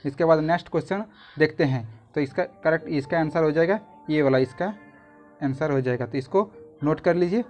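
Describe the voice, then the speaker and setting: A man's voice: on the high side, brisk, a little mellow, soft background music. A man, a YouTube tutor walking through exam answers in a casual, repetitive way that often restarts phrases.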